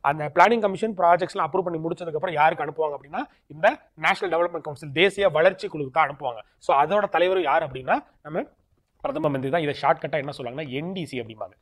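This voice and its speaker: Brisk male teacher. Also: fairly high pitch. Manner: tags lines with a checking "okay?", mixes English terms into his explanations; reads English definitions out slowly. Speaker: exam coaching teacher. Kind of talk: recorded lecture over slides.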